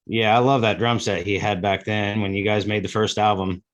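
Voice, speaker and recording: A man's voice: lowish voice, normal speed, highs cut off. Laid-back male interview host. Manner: relaxed, conversational, says "you know" a lot. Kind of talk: casual interview chat.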